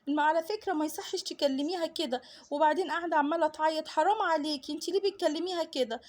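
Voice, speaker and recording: A woman doing an earnest little girl from a family story skit, scolding a bully in a high, fast Egyptian-accented voice. Her tone stays reproachful and lecturing. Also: a little mellow, lightly acted. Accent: Egyptian Arabic.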